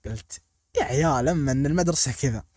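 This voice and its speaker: A man telling a comic story, animated and jumping into mock voices for the people in it. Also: medium pitch, no room sound, studio quality. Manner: rapid, animated, slips into mock voices for characters.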